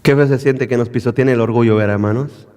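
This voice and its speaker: A man with a Latin American Spanish accent preaching a sermon as pastor, emphatic and animated, with repeated phrases and rhetorical questions. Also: mid-range voice, fast talker, clean tone, big-room sound. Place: church.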